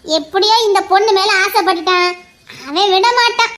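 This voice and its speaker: A woman's voice: very high-pitched, normal speed, fairly bright tone. A woman playing a protective middle-aged mother who defends her son and argues with her husband in a pleading, reasoning way. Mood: defensive. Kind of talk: amateur audio drama.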